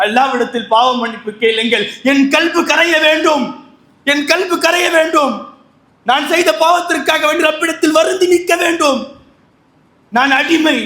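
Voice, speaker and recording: A man's voice: extremely high pitch, a bit bright. A man preaching a sermon on repentance, impassioned, repeating his lines and asking rhetorical questions. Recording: echoey room.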